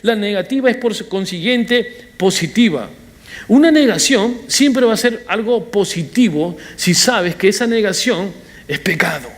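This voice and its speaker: Un pastor predicando un sermón de forma animada, con apartes juguetones. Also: male voice, high voice, measured pace. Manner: animated preaching with playful asides. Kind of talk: sermon.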